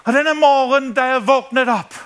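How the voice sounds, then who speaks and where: A man from Denmark preaching a sermon, telling a story and acting out the voices in it with lots of energy. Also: very high-pitched. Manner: animated, acts out voices in his stories, laughing often. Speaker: pastor.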